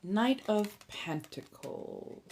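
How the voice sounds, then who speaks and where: A woman's voice: medium pitch, expressive, very slow, darkish tone, slight background noise. A woman with a Southern California accent chatting casually and informally to viewers as a livestream host and tarot reader, rambling a little as she goes.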